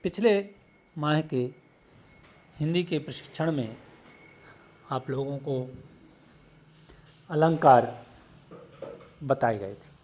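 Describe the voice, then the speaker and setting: A middle-aged man from India, a teacher giving a grammar lesson, speaking slowly and deliberately in short phrases. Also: fairly high pitch, a little mellow.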